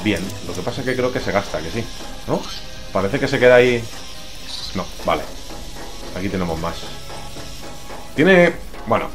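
A man with a Spain accent giving casual, slangy, exclamatory let's play commentary. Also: lowish voice. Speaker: gamer, let's play host. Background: game music.

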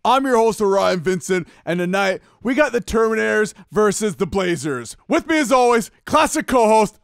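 A man hosts a joking play-by-play of an amateur hockey game, rambling, laughing at himself, and repeatedly saying his co-host's name. His voice is high-pitched, animated, gravelly yet smooth, at a normal speed. The recording is dry and studio quality.

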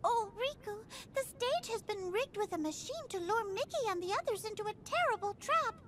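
A woman's voice: extremely high pitch, expressive, a little fast, a bit bright, a little hiss or hum. An actress voicing a proud young mouse queen who speaks in a prim, dignified way in a game. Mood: regal.

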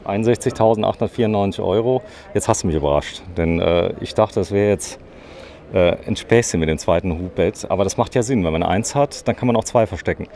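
Low-voiced upbeat male host. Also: brisk, mellow. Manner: upbeat, asks questions and sums things up. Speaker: interviewer and show host. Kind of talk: trade-fair walkthrough interview. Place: inside a camper van at an indoor trade fair.

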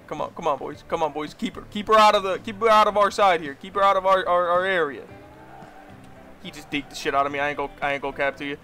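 A young man streaming a hockey game with friends, yelling at the game, swearing and laughing as he plays. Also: on the high side, quick pace, faint music behind. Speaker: gaming streamer. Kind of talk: excited gameplay chat.

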